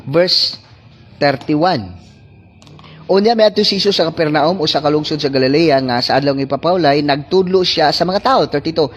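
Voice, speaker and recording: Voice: medium pitch, fast talker, few pauses, soft background music. A preacher with a Filipino accent giving a sermon, moving between English and local languages and repeating phrases for emphasis. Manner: mixes English with Tagalog and Cebuano.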